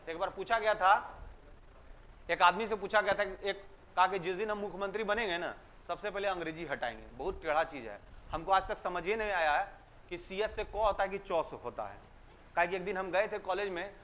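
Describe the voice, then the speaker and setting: High, bright-voiced joking teacher. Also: male voice, fairly quick, a little hiss or hum. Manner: joking storyteller, fires questions at students and repeats their answers. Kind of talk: classroom lecture with jokes and quizzing. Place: classroom.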